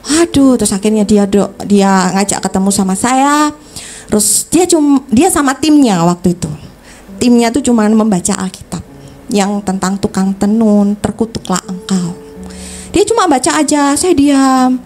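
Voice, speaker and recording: A woman's voice: mid-range voice, expressive, moderate pace, darkish tone, soft background music. A woman giving an earnest personal testimony in church, acting out past conversations as she tells her story.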